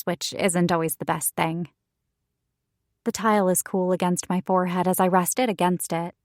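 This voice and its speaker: Female audiobook narrator, slightly low voice, expressive and wry first-person romance reading, close and dry studio sound. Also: no echo.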